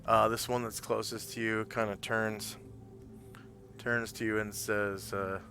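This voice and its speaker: Man, tabletop game master, bright voice, halting explanations, slow pace, faint background music. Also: lowish voice, level tone. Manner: halting, thinking aloud, explanatory. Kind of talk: improvised tabletop game narration.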